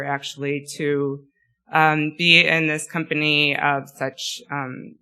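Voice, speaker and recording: Hoarse woman guest speaker, bright voice, halting talk full of fillers. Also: deep voice. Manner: many ums, self-deprecating and chatty. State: losing her voice, clearing throat. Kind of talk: academic talk.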